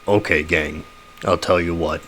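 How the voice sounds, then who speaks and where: A man voicing a gruff, husky male troll mercenary in a game. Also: low voice, steady tone, a little slow, fairly bright tone, a little hiss or hum, voice pushed down.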